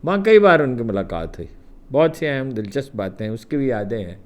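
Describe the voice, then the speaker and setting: Older man telling lively anecdotes. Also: mid-range voice. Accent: Pakistani Urdu. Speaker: columnist recounting memories. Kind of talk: storytelling anecdotes.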